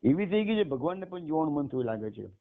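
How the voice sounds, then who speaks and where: A man voicing a calm, gentle holy man who answers anger with soft, sweet-toned teasing, over a tinny phone-like line. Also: a little high, fast.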